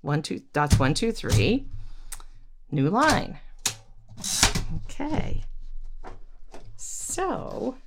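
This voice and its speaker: A woman giving a step-by-step instructional lesson, counting aloud in a patient, halting way and correcting herself as she goes. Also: mid-range voice, very animated. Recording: noisy recording with paper rustle and clicks. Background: paper rustling and clicks.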